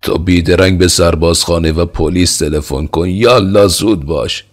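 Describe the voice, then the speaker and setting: A man's voice: very deep voice, expressive, vocal fry, voice pushed up, exaggerated voice. A man voicing a panicked, irritable king in an audiobook, anxiously barking questions and orders. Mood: commanding. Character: panicked, irritable middle-aged Qajar king. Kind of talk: audiobook character voice.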